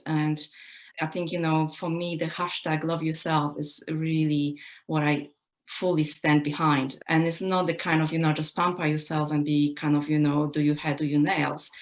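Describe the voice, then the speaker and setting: A woman from Poland, a personal development coach, talking reflectively in an interview with many "you know" fillers. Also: sits low. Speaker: guest coach. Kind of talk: casual interview talk.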